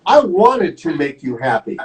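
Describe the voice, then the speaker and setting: A man's voice: on the high side, sing-song, unhurried, distant mic, low-quality recording. A man reading the lines of Piggy, a worried friendly pig from a picture book, in an earnest simple way. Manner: earnest, simple storybook delivery.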